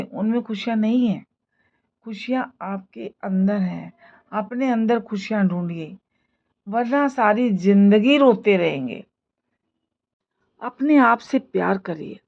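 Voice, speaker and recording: A woman's voice: mid-range voice, dull audio. A woman giving earnest, preachy life advice in a casual motivational talk. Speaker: lifestyle video host.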